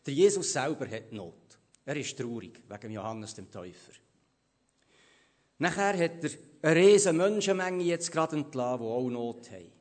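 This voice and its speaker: A man with a Swiss accent preaching a sermon, swinging from loud to hushed and putting questions to the congregation. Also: a little high, very animated, moderate pace.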